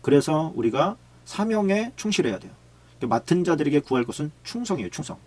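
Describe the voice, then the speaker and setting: A man's voice: a little high, big pitch swings, fairly quick, a little mellow. A male pastor giving a sermon in a conversational way, asking rhetorical questions and acting out everyday quarrels. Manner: conversational preaching with frequent rhetorical questions and acted-out quotes.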